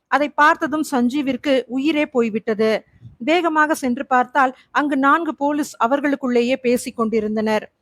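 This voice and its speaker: A young adult woman narrating an audiobook thriller in a steady storytelling manner. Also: high-pitched, moderate pace, no room sound. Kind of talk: scripted narration.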